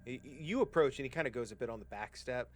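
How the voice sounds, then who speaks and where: A man narrating a tabletop game as game master, in a relaxed, halting way. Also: mid-range voice. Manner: relaxed, halting, lots of fillers.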